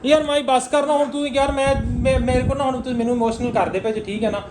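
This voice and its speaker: A man's voice: very high-pitched, fairly even intonation, fast. A young man with a Punjabi accent hosting a family vlog, coaxing and reassuring his mother, often asking "theek hai na?". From Punjab, Pakistan. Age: young adult. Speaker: family vlogger. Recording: roomy room with faint noise.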